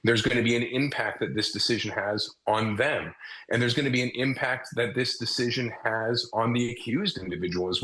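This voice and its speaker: A man, a defense lawyer, speaking deliberately and in a measured way in an interview clip. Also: mid-range voice, a bit bright, low-quality recording.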